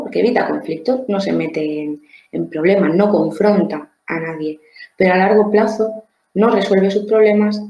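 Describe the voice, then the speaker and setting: In an echoey room, a woman trainer explains social skills step by step, frequently repeating words and using tag questions to check with the listener. She has a medium-pitched, dark voice with vocal fry, and the recording sounds muffled.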